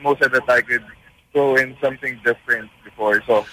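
A man's voice: medium pitch, fairly even intonation, a little fast, bright, forceful tone, a little hiss or hum, poor audio. Hesitant male radio caller. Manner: hesitant, restarting.

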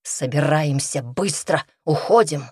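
Woman voicing a gruff hulking convict robber. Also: a little slow, no echo, clean studio sound. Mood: angry. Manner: low, blunt, muttering. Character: huge gruff male ex-convict robber, grim.

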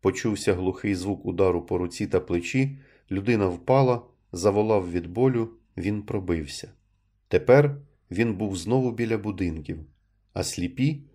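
A man narrating a literary story in an audiobook reading, with measured, even storytelling. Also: fairly low pitch.

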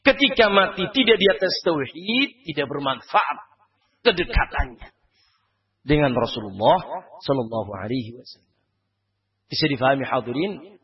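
A man preaching a study sermon, asking the audience rhetorical questions and swinging between loud and hushed delivery. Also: fairly high pitch, lively intonation, moderate pace, pauses often, slightly rough, muffled recording.

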